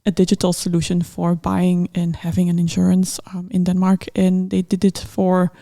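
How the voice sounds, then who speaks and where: A woman from Belgium, a freelance digital designer, speaking relaxed on a podcast panel. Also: fairly low pitch, moderate pace, vocal fry, dry recording, clean studio sound. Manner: relaxed, laughs easily. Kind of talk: conversational podcast answer.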